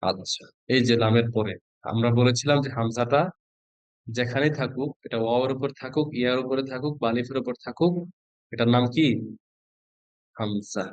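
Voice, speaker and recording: A man's voice: medium pitch, a little fast, no echo. Patient man teaching letters online. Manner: patient, asks students questions and spells out letters. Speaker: Quran reading teacher. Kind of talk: online class instruction.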